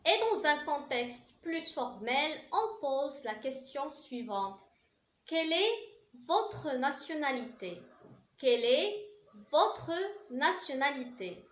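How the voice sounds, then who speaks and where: A Moroccan woman leads a beginners' language lesson in a high, animated voice. She drills each phrase in slow, stressed repetitions and slips quickly into short asides. Her voice rings around an echoey room. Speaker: French teacher.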